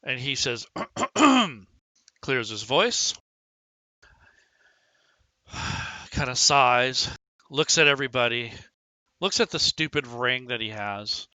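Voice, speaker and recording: A man's voice: medium pitch, a little slow, pushed and bright, dry recording. A man narrating as game master in a tabletop game, in a casual, rambling way with fillers.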